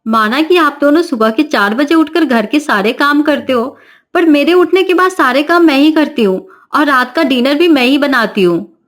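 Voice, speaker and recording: A lazy, cheeky young daughter-in-law from a cartoon story, sulky and backtalking, voiced by a woman pitching high. She answers her elders with defiance. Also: lively intonation, normal speed.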